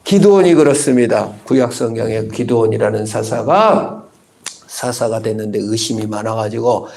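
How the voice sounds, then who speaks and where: A middle-aged male pastor preaching a sermon, swinging his delivery from loud and high to low and quiet as he acts out quoted voices. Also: moderate pace, creaky.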